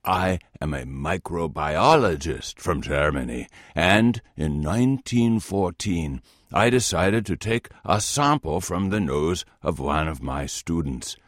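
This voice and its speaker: A man's voice: sits low, animated, dry recording, studio quality, heavily acted. A man playing a proud, droll German microbiologist in a children's audio skit. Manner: deliberate, droll.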